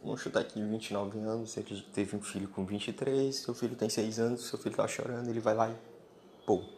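A man's voice: lowish voice, flat delivery, a little fast, a little mellow, a little hiss or hum. A man delivering a blunt, lecturing solo monologue to his podcast listeners, speaking informally and bluntly. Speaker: podcast host.

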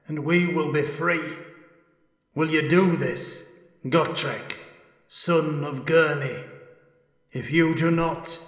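A man's voice: on the high side, fairly bright tone, pitched above the performer's own voice. A man voicing an ancient dwarf ghost who pleads in anguish, full of long suffering. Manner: mournful, echoing with ages of suffering.

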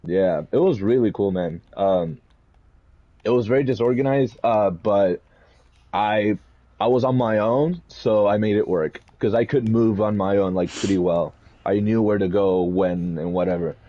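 A man from Puerto Rico co-hosting a podcast, telling stories in an animated, rambling way with quick laughs. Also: lowish voice, highs cut off. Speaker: podcast co-host. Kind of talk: casual chat.

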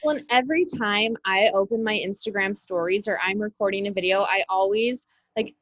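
A woman's voice: mid-range voice, brisk, fairly bright tone, no echo, highs cut off. A woman guest on a podcast in casual chat, upbeat and friendly, giving tips in long run-on sentences. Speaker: podcast guest, social media coach.

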